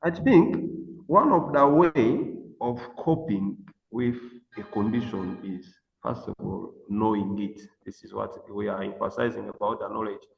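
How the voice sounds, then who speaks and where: A man, a psychiatrist and dermatologist, talking on a video call in a halting way, with many restarts and fillers. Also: lowish voice, creaky, soft background music. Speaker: psychiatrist and dermatologist, webinar speaker. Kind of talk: unscripted talk on a video call. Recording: muffled, roomy, long echo.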